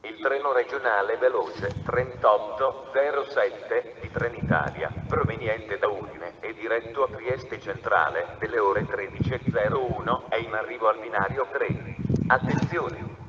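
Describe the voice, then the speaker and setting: Casting: male train station announcer, formal automated delivery, lowish pitch, heard over a distant echoing PA. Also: muffled recording. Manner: formal, segmented stock phrases. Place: railway station platform. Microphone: distant recorder picking up loudspeakers. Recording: echoey station PA from afar, clear ambient noise.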